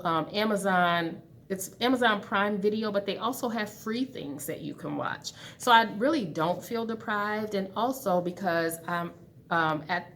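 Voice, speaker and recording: A woman's voice: fairly low pitch, a little hiss or hum. A woman in her forties speaking candidly to her webcam from an empty classroom, chatting casually as a budgeting channel host. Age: 40s. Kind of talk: casual talk to camera.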